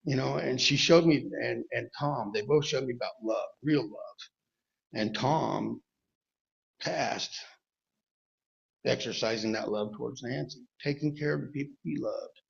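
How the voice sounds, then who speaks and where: A man giving a rambling, halting tribute at a memorial recovery meeting, mixing jokes into it. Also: mid-range voice, gravelly, slightly rough, lo-fi sound. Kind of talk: personal tribute speech.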